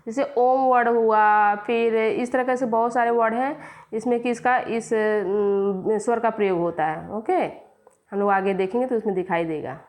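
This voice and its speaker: A woman's voice: fairly high pitch, fairly even intonation, measured pace, a little mellow. A woman teacher explaining grammar step by step, asking questions and answering them herself. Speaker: Hindi teacher. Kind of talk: classroom grammar lesson.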